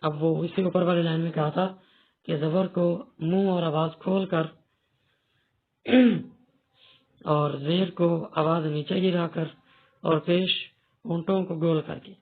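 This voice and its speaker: A male teacher walks beginners through a reading lesson, patient and methodical, going back over each point. His voice sits a little high. The audio is thin and tinny, like a phone call. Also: fairly even intonation. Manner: patient, explains slowly and repeats key points.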